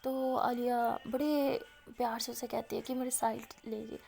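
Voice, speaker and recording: A woman's voice: on the high side, little pitch movement, gravelly, darkish tone. A woman retelling a love story in a casual, chatty way, correcting herself as she goes.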